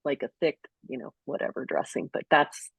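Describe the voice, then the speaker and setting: A woman's voice: low-pitched, steady tone, normal speed, vocal fry, husky, dry recording. A woman co-hosting a health show, chatting casually and explaining step by step as she prepares a salad. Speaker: co-host. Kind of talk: casual cooking demo chat.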